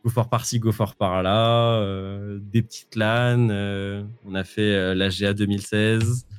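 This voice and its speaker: A man's voice: lowish voice, flat delivery, a little slow, clear, resonant tone, faint music behind. A man in his twenties with a Parisian French accent, chatting casually and hesitantly as an interview guest. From Paris region, France. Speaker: esports player, podcast guest.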